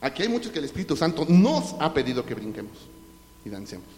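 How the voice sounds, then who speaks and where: A middle-aged man with a Mexican Spanish accent preaching a sermon, swinging from loud preaching to hushed asides. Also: on the high side, sing-song, fast. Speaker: pastor. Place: large church hall. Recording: echoey hall from a distance.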